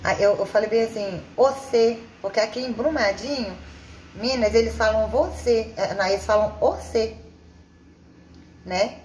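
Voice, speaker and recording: A woman's voice: medium pitch, normal speed, long pauses. A woman from Bahia, Brazil, chatting casually about her own life, rambling and restarting her sentences as she goes. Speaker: vlogger. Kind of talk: casual personal storytelling. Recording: echoey room with faint ambient noise.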